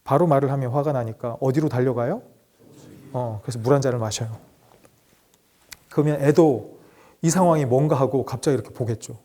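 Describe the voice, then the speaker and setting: A man's voice: mid-range voice, brisk, pauses often, mellow. A man giving an interactive lecture to fathers, prompting the audience to repeat after him and acting out example talks with children. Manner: acts out example dialogues to children.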